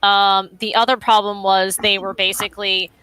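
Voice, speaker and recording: Blunt woman with a bright voice. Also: medium pitch, little pitch movement, moderate pace, smooth, poor audio. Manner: blunt, swears freely. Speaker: stream participant. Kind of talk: casual group chat. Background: music.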